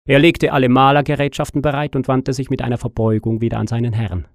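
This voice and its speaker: A man narrating a story as an audiobook in an even, measured way. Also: medium pitch, no echo, studio quality.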